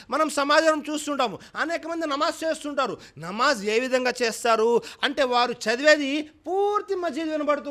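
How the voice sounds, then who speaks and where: A male preacher with a Telugu accent delivers an earnest sermon. His voice sits very high, with a bright, forceful edge. He keeps urging the congregation directly, calling them brothers. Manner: earnest exhortation, addressing listeners as brothers. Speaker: Islamic preacher.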